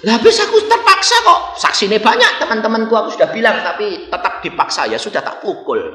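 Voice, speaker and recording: A man's voice: high-pitched, big pitch swings, fast, pushed and bright, voice pushed up, full character voice. A man voicing his twelve-year-old son, a big, blunt boy, in a sermon story. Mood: defensive. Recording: echoey church hall, distant mic.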